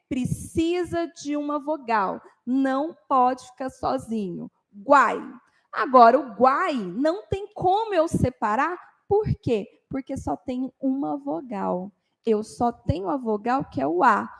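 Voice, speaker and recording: A woman's voice: high voice, gravelly. A woman teaching a spoken grammar lesson, explaining step by step and checking in with her listeners after each point.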